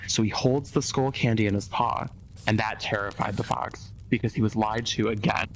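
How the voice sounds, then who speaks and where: A man's voice: lowish voice, fairly even intonation, normal speed, gravelly, slight background noise, rough recording. A man hosting a comedy show, telling a silly story in a goofy, mock-dramatic way. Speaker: host. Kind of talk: joking storytelling.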